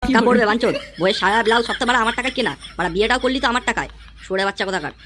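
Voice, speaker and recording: A woman's voice: fairly high pitch, rapid-fire, a bit bright, a little hiss or hum, lightly acted. A woman voicing a foul-mouthed angry cartoon father. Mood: furious. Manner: coarse, swearing, bellowing threats. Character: crude, hot-tempered middle-aged father. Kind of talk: comedy cartoon voice acting.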